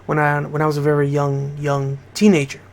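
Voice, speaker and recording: There's a faint hiss or hum as a middle-aged radio DJ from Bridgeport, Connecticut, talks to his listeners. His voice is on the high side and monotone, his delivery brisk, casual and direct.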